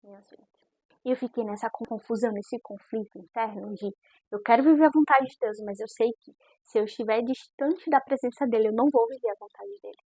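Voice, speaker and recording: Young woman, breathy and fairly high, earnest testimony-style vlogger. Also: fairly quick, darkish tone, no echo, low-quality recording. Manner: earnest, chatty storytelling. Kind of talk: personal faith testimony.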